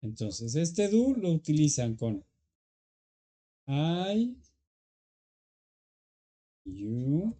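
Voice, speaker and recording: A man's voice: fairly high pitch, sing-song, drawn-out words, long pauses, warm tone. Patient male English teacher. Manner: patient, checks in often with students. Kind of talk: classroom lesson explaining grammar.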